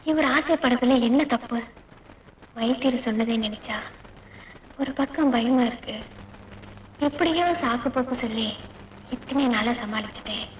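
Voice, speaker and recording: Actress as a young anxious wife, high pleading voice, echoey dull old film audio. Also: female voice, normal speed, pauses often, a little hiss or hum, lightly acted. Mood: worried. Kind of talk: 1980s film acting.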